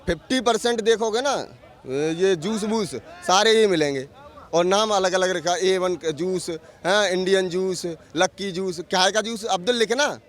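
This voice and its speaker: Man, street interview, outdoors, fairly high voice, indignant, rhetorical. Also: normal speed. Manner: forceful, indignant, rhetorical questions. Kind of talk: heated street vox pop.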